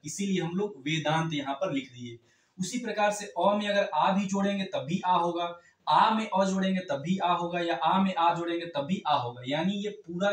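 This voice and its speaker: A man's voice: high-pitched, far from the mic. A man teaching an exam-prep grammar lesson, explaining step by step and checking in with the class often. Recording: echoey room, voice off-mic.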